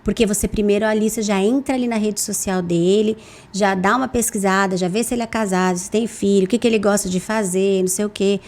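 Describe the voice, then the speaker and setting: A woman with a Brazilian Portuguese accent, a guest in a podcast interview, talking animatedly with lively, expressive intonation. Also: medium pitch, quick pace, few pauses. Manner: animated, lively intonation, acts out phone calls in voices. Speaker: guest, insurance broker.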